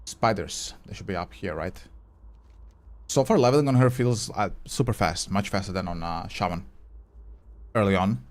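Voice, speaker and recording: A man with a slightly low voice streaming a game live. He chats loosely with his viewers between moves and thinks out loud about what to try next, dropping the odd curse along the way. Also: moderate pace, pauses often. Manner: chatty, answers viewer chat while playing; swears casually, thinks aloud. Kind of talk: casual live gameplay commentary.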